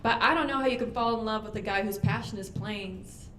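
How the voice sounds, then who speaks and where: High-voiced woman doing stand-up in a roomy club. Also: a little hiss or hum. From United States. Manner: deadpan punchlines with quick acted-out voices. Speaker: stand-up comedian. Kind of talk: stand-up set. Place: comedy club stage. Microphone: handheld stage mic. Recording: roomy club with audience ambience.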